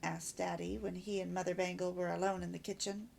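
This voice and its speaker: A woman reading an old children's storybook aloud in an expressive, warm way. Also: on the low side, brisk, gravelly. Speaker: storybook reader.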